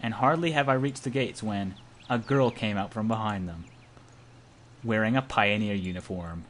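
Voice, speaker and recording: Reading a visual novel aloud as an amateur narrator, a young man mixes dramatic delivery with joking asides in a hammy, playful way. He speaks at a normal speed in a fairly low-pitched voice with a fairly bright tone. The home recording is amateur and has clear background noise.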